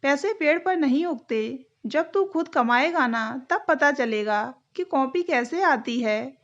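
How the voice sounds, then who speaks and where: A harsh drunken father barking gruff orders in a storybook tale, as a woman reading the story puts him on. The voice sits high and moves slowly, with a dull, lo-fi sound. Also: animated, exaggerated voice. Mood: scolding. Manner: gruff scolding commands. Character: harsh drunken father, middle-aged man, short-tempered.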